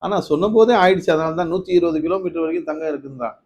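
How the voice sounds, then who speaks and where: A man giving a Ramadan night sermon, telling stories, asking his listeners questions, rising to emphatic peaks and then dropping low. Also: very fast, vocal fry, a little mellow. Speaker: preacher.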